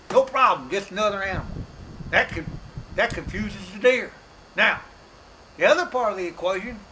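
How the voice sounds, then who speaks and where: A middle-aged man hosting a comedic hunting show, talking in a rambling, deadpan, folksy rural drawl outdoors. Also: high-pitched, poor audio. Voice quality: slightly hoarse. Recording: outdoor wind and noise on mic.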